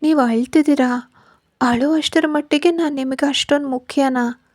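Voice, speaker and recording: Woman playing frail young wife, tearful, pleading, earnest, fairly high voice, flat pitch. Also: normal speed, no room sound, studio quality, close to an everyday voice.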